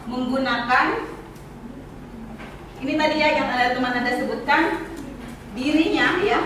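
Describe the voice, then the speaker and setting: A woman's voice: sits high, fairly bright tone. Woman lecturing in an echoey room. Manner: explanatory, asks students questions, many "ya" tags. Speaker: psychology lecturer. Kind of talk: classroom lecture. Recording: echoey room, mic far off, noisy.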